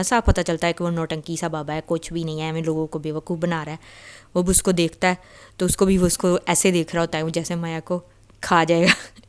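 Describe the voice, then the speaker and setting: A woman's voice: lowish voice, clear, resonant tone. A woman casually retelling a novel as a storyteller, chatty and loose, with frequent fillers and restarts.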